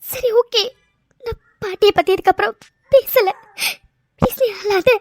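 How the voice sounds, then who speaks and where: A tender, hesitant young woman speaks in a soft voice in this cartoon dub. Her voice sits very high, and it is recorded dry and close. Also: a little slow, no echo. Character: tender, emotional young woman, often tearful.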